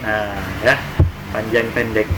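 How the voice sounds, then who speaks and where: A man's voice: fairly low pitch, little pitch movement, slow pace. A man teaching an Arabic lesson in Indonesian. He reads Arabic phrases aloud, then translates and explains them step by step. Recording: faint background noise.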